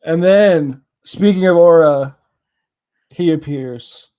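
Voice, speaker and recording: A young man with a fairly high voice, co-hosting a podcast and chatting casually. He retells film scenes loosely and slips into quoted lines along the way. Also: slow, mellow, clean tone. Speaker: podcast co-host. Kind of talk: casual chat.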